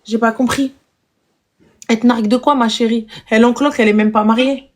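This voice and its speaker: High-voiced woman hosting a lively live stream. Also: a little fast, slight background noise. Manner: animated, mocking, rhetorical questions. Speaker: live stream host giving advice. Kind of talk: casual live stream chat.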